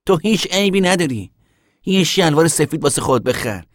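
A man's voice: fairly high pitch, expressive, no room sound, close to an everyday voice. Guy doing a blunt impatient young dude, bossy and brusque, dry close sound. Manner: scolding, brusque.

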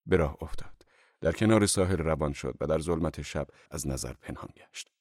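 A male narrator reading a first-person audiobook in a low, even voice. His delivery is measured and calm, recorded dry and close. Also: dry recording.

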